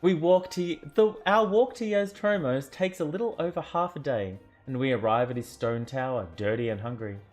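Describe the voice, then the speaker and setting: A man's voice: fairly high pitch, moderate pace, hardly any pauses, a little mellow, faint music behind. A man narrating an interactive fantasy adventure book aloud, theatrical, with joking asides and self-corrections. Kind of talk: dramatic storybook narration.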